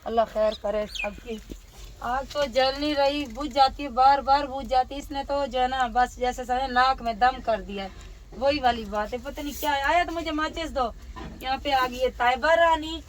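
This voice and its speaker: A woman's voice: sits high, steady tone, moderate pace, a little hiss or hum. A woman with a sore throat, chatting casually as she narrates her morning chores, often saying "jo hai na.". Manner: chatty, explaining each step, often says "jo hai na". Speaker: village family vlogger. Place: outdoor village courtyard in fog and wind.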